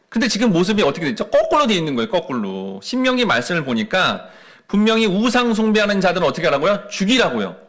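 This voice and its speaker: Man preaching to his church, fairly high and very lively delivery, keeps asking the room questions. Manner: rhetorical questions to the congregation; animated, rising and falling emphasis. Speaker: pastor. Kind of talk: sermon.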